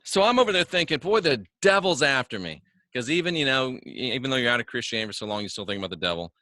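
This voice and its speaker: A man's voice: mid-range voice, lively intonation, very fast, pushed and bright, dry recording. A man hosting his own religious talk show, speaking casually and folksily to viewers, joking, chuckling at himself and repeating words for emphasis. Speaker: online religious talk host. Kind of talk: casual spoken monologue to viewers. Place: home studio he calls the bunker.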